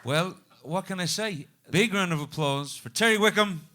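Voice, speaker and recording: A man's voice: sits high, normal speed, pushed and bright, a little hiss or hum. A man with an Irish accent hosting a live talk show, playful and teasing with his guests before an audience. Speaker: host.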